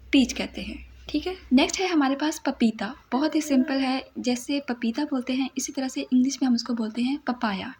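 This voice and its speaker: A woman teaching English words in a playful way, repeating each word slowly so it can be copied. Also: sits high, a little mellow. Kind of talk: vocabulary lesson.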